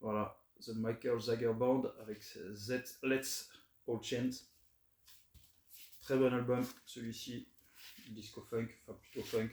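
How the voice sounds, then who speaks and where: A man chatting casually as he shows off his record finds, relaxed and hesitant with many fillers. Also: medium pitch, slow pace. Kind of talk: casual unboxing chat. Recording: roomy echo, faint noise.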